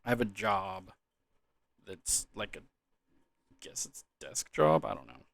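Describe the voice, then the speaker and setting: A man's voice: fairly low pitch, lively intonation, takes it slowly, gravelly, no echo. A young man in a loose, drunken, rambling casual chat about gaming, trailing off, repeating words and swearing casually. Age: young adult. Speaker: gaming vlogger.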